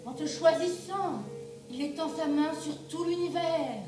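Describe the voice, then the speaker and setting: A woman's voice: high voice, measured pace, music in the background. A woman on stage playing a solemn, commanding angel, declaiming in a grandiose, incantatory way. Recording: distant mic in echoey theatre.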